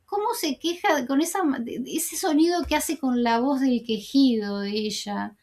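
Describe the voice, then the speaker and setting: A woman's voice: high-pitched, moderate pace, darkish tone. A woman casually recapping dramatic TV series scenes, rambling with many fillers and self-corrections. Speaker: TV series commentator.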